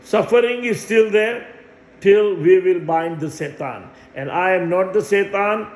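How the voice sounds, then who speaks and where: A man's voice: high-pitched, a little slow, roomy sound, poor audio. A man in his sixties giving a rambling religious monologue as a self-proclaimed messiah, insistent and repeating phrases for emphasis. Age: 60s.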